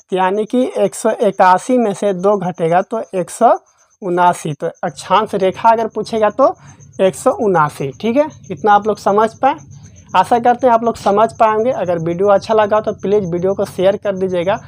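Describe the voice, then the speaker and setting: In a dry voice-over with no echo, a woman teaches geography as an exam-prep lesson. Her voice is medium-pitched and somewhat dark, and she drills repetitively in quiz style, posing questions and answering them herself.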